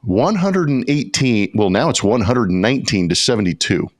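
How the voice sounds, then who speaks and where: A man's voice: medium pitch, sing-song, normal speed, no room sound. A man co-hosting a sports podcast in casual chat, easygoing and trading dry jokes. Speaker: podcast co-host.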